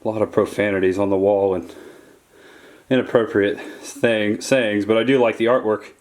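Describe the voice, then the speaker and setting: A man narrating a casual solo exploring vlog, talking straight to his viewers in short, deliberate phrases. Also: on the low side, steady tone, a little mellow. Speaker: solo explorer filming a cave tour for viewers. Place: on a forest trail and in a small cave.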